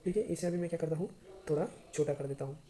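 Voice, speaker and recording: A man's voice: fairly high pitch, rapid-fire, dark tone. A man teaching a math lesson to students, chatty and often checking if they understand.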